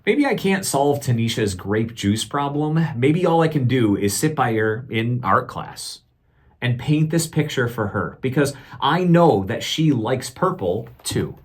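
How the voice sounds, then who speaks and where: A man at medium pitch, his voice slightly rough, reads a picture book to children as a teacher might. He takes it slowly and expressively and pauses to quiz his little listeners.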